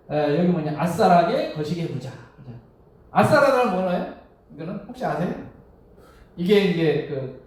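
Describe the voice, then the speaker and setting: A man's voice: a little high, a little mellow. A man giving a Sunday sermon as a Won Buddhist minister, speaking conversationally, asking the congregation questions and chuckling often. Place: temple hall. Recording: very echoey hall, distant mic.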